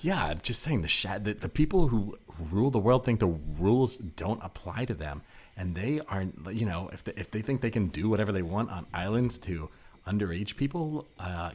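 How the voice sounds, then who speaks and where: In a comedy podcast, a man improvises the role of an earnest but suspicious ex-anarchist, explaining things in a halting, rambling, preachy way. His husky, somewhat mellow voice sits on the low side and is expressive.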